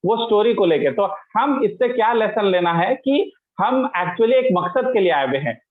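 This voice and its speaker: A man's voice: sits high, expressive, normal speed. Guy teaching casually, lots of english words, sounds like a phone call. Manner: conversational, explains with everyday examples, mixes in English words. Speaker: Islamic teacher. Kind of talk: casual religious lesson. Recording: tinny phone-line sound.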